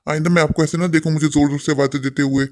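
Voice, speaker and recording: A man's voice: fairly high pitch, level tone, very fast, natural voice. A man voicing an impatient adult son in a cartoon, who scolds his elderly father dismissively. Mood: scornful. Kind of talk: animated cartoon voice acting.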